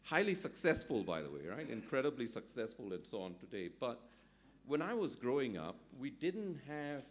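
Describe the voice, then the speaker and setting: A man's voice: medium pitch, very animated, moderate pace. A middle-aged man from Singapore, speaking as a summit panelist. He thinks aloud with many ums and often checks in with "right?". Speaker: conference panelist. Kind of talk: panel discussion at an economic summit.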